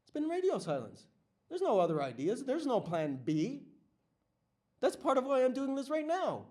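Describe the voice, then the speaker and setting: A man's voice: extremely high pitch, huge pitch swings, moderate pace, darkish tone. A man giving a passionate workshop presentation to a live audience in a meeting room. He speaks with fire and asks question after question, repeating lines for emphasis.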